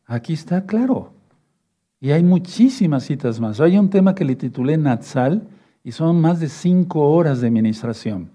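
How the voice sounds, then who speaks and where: A male preacher giving a fatherly sermon, reading scripture verses slowly and often checking in with his listeners. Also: fairly high pitch, expressive, warm tone, breathy edge. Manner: fatherly, repeats "no, no, no" and asks "¿sí?"; reads verses slowly and rereads them.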